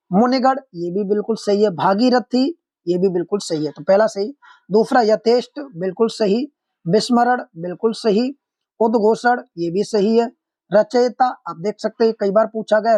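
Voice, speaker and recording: A man's voice: sits high, darkish tone, dry recording. A man teaching an online exam-prep lesson, explaining answers step by step, putting questions to viewers and calling them friends.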